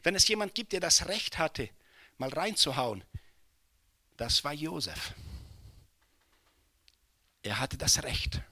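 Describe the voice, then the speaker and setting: A male pastor delivers a sermon in a high, piercing, very bright voice. He drops to hushed, near-whispered passages and then rises into loud impassioned cries, slipping English exclamations in along the way. The recording is close and dry, with no room sound. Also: big pitch swings, slow, pauses often, no echo.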